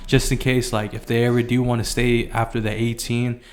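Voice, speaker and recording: A man's voice: mid-range voice, level tone, fairly quick. A young adult man in a casual podcast chat, talking in loose slang and often saying bro and man.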